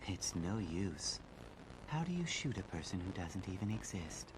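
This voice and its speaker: Cold young anime villain, deep hushed eerie calm voice, loud noise behind. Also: male voice, moderate pace. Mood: quietly menacing. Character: cold, serene, menacing young man, manipulative villain. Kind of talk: dramatic anime dub acting. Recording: loud background noise and ambience.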